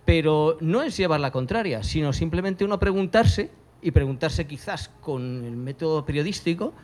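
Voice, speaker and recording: A man speaking as a journalist on a panel, thoughtful and self-deprecating, with hesitant pauses. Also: fairly high pitch, lively intonation, a little mellow. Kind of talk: panel talk.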